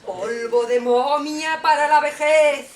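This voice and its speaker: A woman's voice: sits high, slow, a loud crowd. A young woman acting a vain, wicked fairy-tale queen and old hag in a children's stage play, declaiming and gloating theatrically. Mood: scheming, gloating. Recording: echoey school stage, distant, audience noise.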